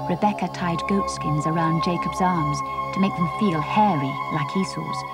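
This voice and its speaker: A woman's voice: lowish voice, normal speed, over loud music. Woman reading a children's Bible story. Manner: simple, clear storytelling for children. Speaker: narrator.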